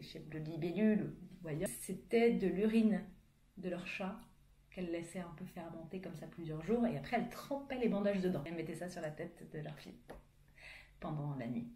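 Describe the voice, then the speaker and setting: A woman's voice: lowish voice, dark tone. A young woman vlogging in a frank, chatty way, talking casually with plenty of fillers. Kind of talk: casual explanatory vlog monologue. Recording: echoey room.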